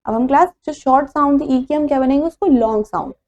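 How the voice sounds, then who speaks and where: A woman's voice: sits high, fast talker, darkish tone, dull audio. A woman teacher with an Indian accent, giving a phonics lesson in Hindi and English, spelling each word letter by letter before reading it.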